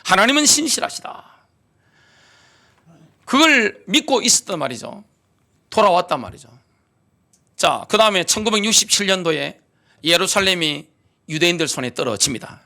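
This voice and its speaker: Middle-aged male pastor, Gyeongsang accent; high, animated sermon delivery with rhetorical questions. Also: moderate pace, gravelly. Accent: Gyeongsang Korean. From Gyeongsang region, South Korea. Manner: emphatic preaching with rhetorical questions.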